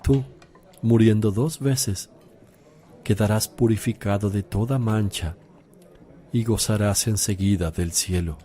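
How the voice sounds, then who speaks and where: An actor playing Jesus in a devotional radio drama, speaking as a gentle, solemn, sorrowful teacher. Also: male voice, on the low side, lightly acted. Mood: gently consoling. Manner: sweet, sad, solemn, deliberate.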